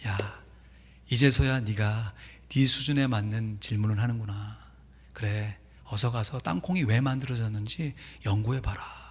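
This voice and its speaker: Pastor putting on a soft, low divine voice, gentle and measured, reverberant church. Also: male voice, slightly rough. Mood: calm. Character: calm, gentle inner voice of God.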